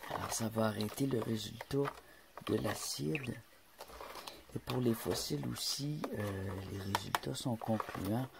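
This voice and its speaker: A man with a Quebec French accent and a gravelly morning voice full of vocal fry, casually demonstrating something hands-on and hesitating as he searches for words. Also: lowish voice, unhurried, heavy background noise. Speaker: host showing rock-cleaning experiments. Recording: music playing loudly over the voice. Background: loud music.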